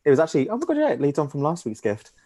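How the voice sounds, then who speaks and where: A man co-hosting a chatty podcast, his pitch leaping up and down as he talks. He giggles often and sounds animated and playful. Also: very fast. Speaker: podcast co-host. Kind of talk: casual chat.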